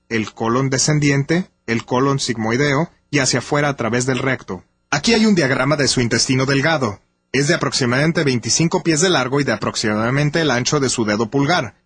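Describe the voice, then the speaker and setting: A man narrating a short scripted lesson in a calm, measured way. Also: mid-range voice, husky, no echo.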